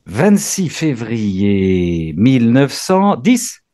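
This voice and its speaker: A man's voice: mid-range voice, big pitch swings, very slow, mellow. A man leading a spiritual reading group, effusive, exclaiming often and stumbling into restarts as he talks. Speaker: prayer group leader.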